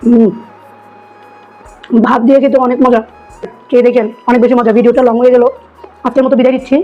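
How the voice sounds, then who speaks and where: A hoarse woman with a cold, chatting enthusiastically as she tastes food for her vlog. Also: on the high side, little pitch movement, quick pace, dull audio, soft background music. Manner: chatty, enthusiastic, repeats herself. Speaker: food vlogger. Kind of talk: casual food-tasting vlog.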